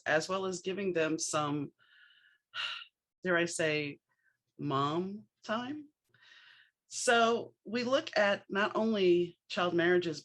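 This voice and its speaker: A woman's voice: on the low side, fairly bright tone. Upbeat woman podcast host. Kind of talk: podcast interview.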